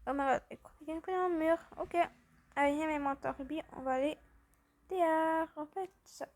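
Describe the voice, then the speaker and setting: High-pitched woman rambling through her game, excitable, kinda sleepy, lots of ums. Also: normal speed. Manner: chatty and rambling, excitable, with many fillers. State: a little tired, just woken up. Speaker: gaming channel host. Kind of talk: casual gameplay commentary.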